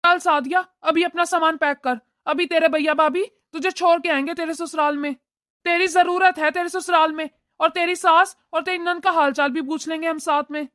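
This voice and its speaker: A woman's voice: very high-pitched, steady tone, normal speed, fairly bright tone, dry recording, studio quality. A woman voicing a stern middle-aged father in a cartoon, scolding and lecturing his family. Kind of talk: cartoon voice acting.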